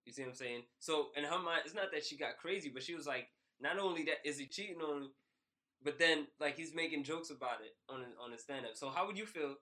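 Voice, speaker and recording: A man's voice: fairly high pitch, quick pace. A man co-hosting a casual podcast chat, telling stories animatedly and acting out quotes. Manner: animated storyteller, acts out quotes, says "son". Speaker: podcast co-host.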